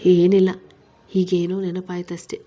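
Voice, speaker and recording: Woman doing a stubborn worn-out young husband from a story, flat husky tone. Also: on the low side, moderate pace, dull audio, close to an everyday voice. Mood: troubled. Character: troubled young husband, stubborn but tender. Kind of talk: storybook reading.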